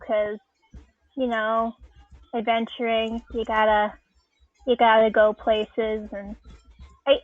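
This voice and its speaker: A woman voicing a bubbly, excitable young adventurer girl who gushes with excitement. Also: sits high, dry recording. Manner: gushing, squealing excitement. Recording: dry tinny call audio.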